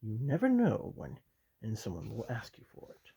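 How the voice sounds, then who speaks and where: A man doing a soft-spoken stern commissar, whispered role-play. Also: on the low side, wildly swooping pitch, vocal fry, breathy edge, full character voice. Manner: measured, officious, with dry asides. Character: stern loyal male commissar reading aloud.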